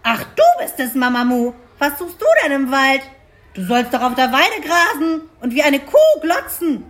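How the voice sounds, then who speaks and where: A woman voicing a loud, bossy female crow in a children's picture book, squawking and scolding. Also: high voice, lively intonation, normal speed, pitched above the performer's own voice. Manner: shouting, scolding.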